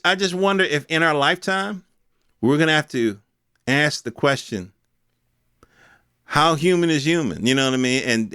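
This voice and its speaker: An American podcast host with a smooth, slightly bright, medium-pitched voice talks off the cuff in a casual, colloquial opinion piece. He leans on rhetorical questions and voices imagined speakers. The clean studio recording carries no echo.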